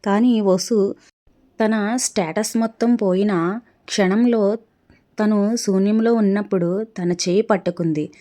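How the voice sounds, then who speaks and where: A woman's voice: medium pitch, steady tone, slow pace, dark tone. A woman narrating a family story aloud, reading it with feeling and speaking the characters' lines herself. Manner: emotional, voices the characters' dialogue herself.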